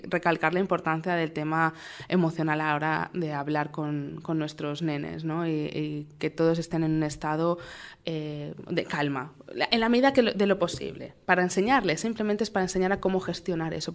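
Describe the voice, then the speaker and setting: Calm, patient woman explaining parenting. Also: low-pitched, fairly quick. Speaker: guest expert on parenting. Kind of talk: explanatory interview talk.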